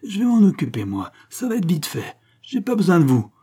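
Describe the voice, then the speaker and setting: A man voicing a furious, grieving middle-aged father who shouts threats in rough slang. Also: sits high, huge pitch swings, a little fast, voice pushed up, full character voice. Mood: enraged.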